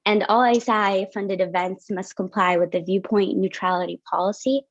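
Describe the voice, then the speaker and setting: A young Syrian woman who works as a student finance officer talks through funding policies on a video call, casual and filler-laden. She keeps a steady tone, medium pitch and normal speed, and the dull, lo-fi call audio carries no echo.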